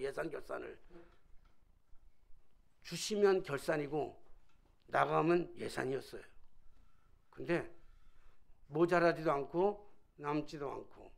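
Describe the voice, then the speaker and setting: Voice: medium pitch, vocal fry. A senior pastor preaching a sermon in a conversational way, full of rhetorical questions.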